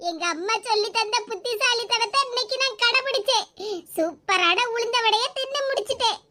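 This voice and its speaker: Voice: very high voice, fairly quick, background noise. A voice actor doing a smug young cartoon daughter-in-law. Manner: smug, giggling.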